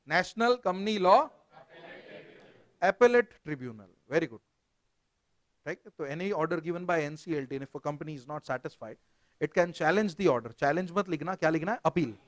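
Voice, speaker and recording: An Indian man teaching company law to a live class, jokey and lively, quizzing his students as he goes. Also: high-pitched, no room sound. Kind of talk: classroom lecture.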